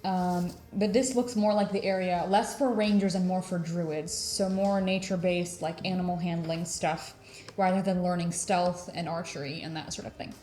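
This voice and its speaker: A woman narrating a tabletop game as dungeon master, unhurried, with many fillers. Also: lowish voice, fairly even intonation, warm tone, reverberant.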